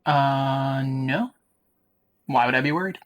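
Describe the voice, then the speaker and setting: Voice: mid-range voice, takes it slowly, highs cut off. A player giving casual gameplay commentary, offhand and often muttering while concentrating on the game. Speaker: video game streamer.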